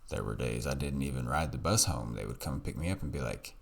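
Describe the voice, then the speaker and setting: A man's voice: very deep voice, animated, fairly quick, creaky, slightly rough. A man talking to his audience in a candid, meandering late-night monologue at home, swearing casually. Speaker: vlogger.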